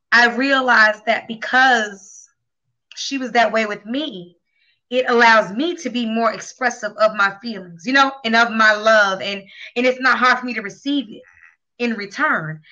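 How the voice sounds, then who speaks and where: Talk-show co-host, woman, bright raised voice, rambling and earnest, near tears, dull lo-fi recording. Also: on the high side, moderate pace. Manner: rambling, heavy on filler phrases, earnest and emotional. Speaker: co-host and sex coach. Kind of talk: casual talk show chat. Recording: dull lo-fi sound.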